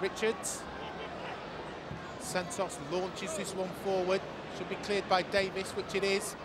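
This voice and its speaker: A man giving live play-by-play football commentary in an excitable manner that can rise to shouts. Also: high voice, slow. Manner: excitable, rising to shouts at key moments. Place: outdoor football stadium. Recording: loud crowd noise over live commentary. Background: loud stadium crowd.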